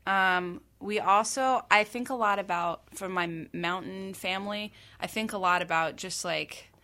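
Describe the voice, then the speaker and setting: Woman from north carolina, bright voice with some fry, chatty and thoughtful. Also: mid-range voice, moderate pace. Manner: thoughtful, with many fillers and restarts. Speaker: conversation partner. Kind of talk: casual chat.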